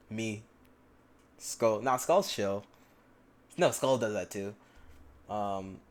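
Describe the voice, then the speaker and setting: A young man chatting casually on a stream, joking around with friends in relaxed banter. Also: on the low side. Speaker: fellow streamer.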